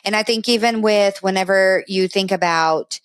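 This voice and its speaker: A middle-aged Brazilian woman who speaks Portuguese natively and moved to the US at eleven co-hosts a family talk show, talking in an earnest, emphatic, conversational way. Her mid-range voice has a clean tone, recorded dry at a moderate pace.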